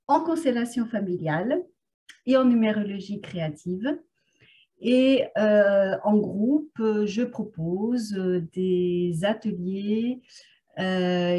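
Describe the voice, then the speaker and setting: A woman's voice: mid-range voice, warm tone. A woman therapist talking casually on a video call, hesitant and full of filler sounds. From France. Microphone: video call microphone.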